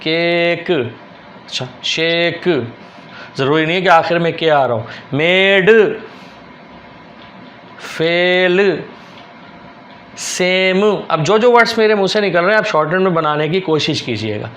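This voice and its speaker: A man's voice: fairly high pitch, takes it slowly, pauses often, fairly bright tone, a little hiss or hum. A man from Pakistan with a Karachi Urdu accent, teaching a shorthand lesson, patiently repeating words and spelling them out letter by letter. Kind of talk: classroom-style lesson.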